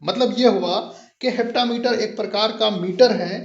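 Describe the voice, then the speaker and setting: A man's voice: high-pitched, normal speed. A male teacher, explaining a poetry term in a patient lecture and checking that students follow. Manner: patient, repeats points and checks understanding. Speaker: English literature teacher. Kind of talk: explanatory lecture, mixing Hindi and English. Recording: roomy, dull lo-fi sound.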